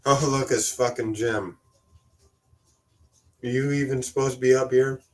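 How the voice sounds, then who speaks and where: A man hosts a relaxed live cooking stream from a home kitchen, slow and unhurried in his talk. He chats loosely, drops a casual swear word now and then, and talks to his cat between tasks. His voice sits a little away from the microphone. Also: mid-range voice. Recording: voice a bit distant from the mic.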